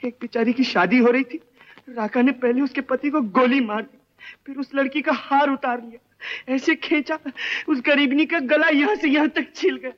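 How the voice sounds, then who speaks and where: High-voiced male village informant, pleading and emotional,, dull old film soundtrack. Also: fairly even intonation, normal speed. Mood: accusing. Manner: pleading, emotional, swears oaths. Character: desperate young village informant, pleading and pious.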